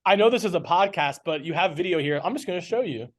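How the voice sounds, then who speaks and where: Man, podcast guest, fairly high voice, earnest and animated, laughs often, video call audio. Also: fast, crowd noise. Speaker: podcast guest, agency owner. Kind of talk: casual interview talk.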